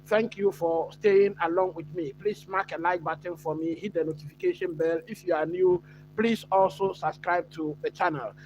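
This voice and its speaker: A man's voice: high voice, fairly even intonation, normal speed, noisy background. Chatty Ghanaian man hosting a live stream. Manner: chatty, answers live chat, many fillers. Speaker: watch-along host. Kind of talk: live stream football chat.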